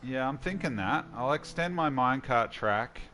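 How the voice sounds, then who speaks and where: A man's voice: mid-range voice, expressive, normal speed, pushed and bright, soft background music. A man hosting casual gameplay commentary, musing and thinking aloud as he plays. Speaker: host.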